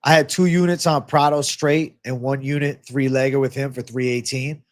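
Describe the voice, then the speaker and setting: On a relaxed livestream Q&A about betting on fights, a congested-sounding man reads out viewer comments at normal speed. His voice sits at medium pitch with a steady tone, and his delivery is slangy, easygoing, and full of profanity.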